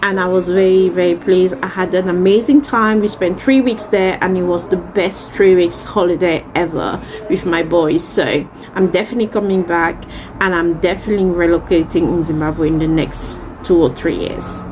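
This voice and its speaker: A Congolese and Cameroonian woman from Central Africa chats casually to camera as a vlogger. Her fairly low voice holds a steady tone at a moderate pace while she speaks effusively and emphatically, often repeating words, with background noise present.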